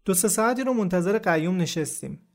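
A man narrates a true first-person story for a podcast in an even, reflective, scripted way. His voice sits slightly above the usual male pitch, and his delivery stays calm and measured throughout.

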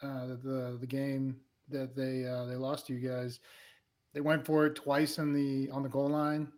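A man co-hosting a casual sports podcast, laid-back and measured, with many ums. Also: mid-range voice, little pitch movement, darkish tone. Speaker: podcast co-host.

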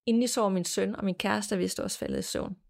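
A woman hosting a podcast, reading a listener's ghost story aloud in a measured, plain storytelling manner. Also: mid-range voice, creaky, darkish tone. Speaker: podcast host.

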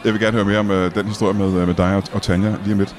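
A man's voice: on the low side, little pitch movement. A man hosting a mock interview in a comedy show, asking probing, faux-naive questions outdoors at a street market. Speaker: host and interviewer.

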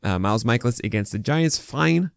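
A man's voice: mid-range voice, animated, fairly quick, vocal fry, dry recording. An American man hosting a fantasy baseball podcast, talking with a swollen mouth in casual, opinionated, unscripted commentary full of asides.

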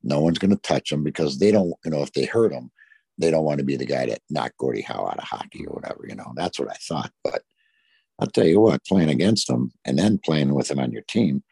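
A man's voice: extremely low pitch, expressive, brisk, gravelly, warm tone, slightly rough, no room sound. A middle-aged man, a former hockey player from the Detroit area, tells long rambling stories in an interview, full of "you know". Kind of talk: storytelling in an interview.

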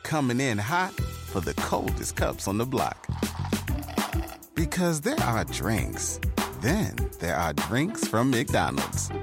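Cocky, swooping ad character. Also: male voice, on the low side, huge pitch swings, slow, vocal fry, over loud music, heavily acted. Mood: playfully smug. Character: cocky, playful fast-food drive-through customer. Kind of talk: scripted comic ad read.

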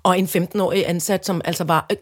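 A woman in her fifties from Denmark, co-hosting a casual comedic chat, telling stories with animated rants. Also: fairly low pitch. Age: 50s. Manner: animated storytelling with loud mock-angry outbursts and put-on voices. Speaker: podcast co-host.

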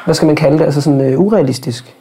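A man as a guest on a podcast, speaking in a reflective, searching way and often seeking agreement. His voice is gravelly and husky with a dark, mellow tone. It sits fairly high for a man. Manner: reflective, thinks aloud with many tag questions. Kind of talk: casual conversation. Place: podcast studio.

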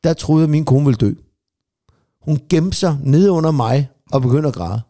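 A man's voice: fairly high pitch, mellow. A middle-aged man co-hosting a podcast, telling rambling anecdotes in casual chat with plenty of swearing. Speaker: podcast co-host.

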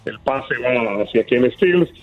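A man's voice: mid-range voice, expressive, measured pace, soft background music. A man calling in as a team analyst, telling the story animatedly with many fillers and restarts. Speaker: team analyst, guest on phone. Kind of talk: excited phone interview. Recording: tinny phone line.

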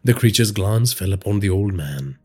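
A man's voice: on the low side, moderate pace, husky, soft background music. A man narrating a scripted horror story, telling it dramatically. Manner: dramatic storytelling with lively inflection.

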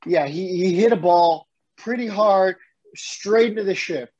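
A man's voice: sits high, a little slow, highs cut off. A man co-hosting a casual sports podcast, ranting with energy and the odd curse. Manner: animated, swears, rants. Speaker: podcast co-host.

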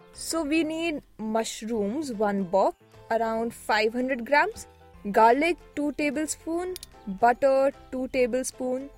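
Give the voice of a woman with a North Indian accent and a high pitch. She co-hosts a cooking show in scripted but casual dialogue, chatting and dropping in Hindi words. Soft music plays behind her. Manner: chatty Hindi-English code-switching. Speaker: co-host of a cooking podcast.

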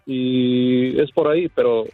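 A man from Mexico calling in to a radio show, speaking hesitantly and filling pauses with "ah" and "eh". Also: mid-range voice, steady tone, no room sound, soft background music. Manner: hesitant, full of fillers. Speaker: caller. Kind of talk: casual phone-in chat. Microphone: phone. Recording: tinny dry phone line.

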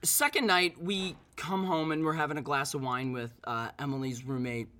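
A man's voice: a little high, moderate pace, sharp tone. A young man, a podcast guest, telling a story casually and animatedly, swearing and acting out quotes.

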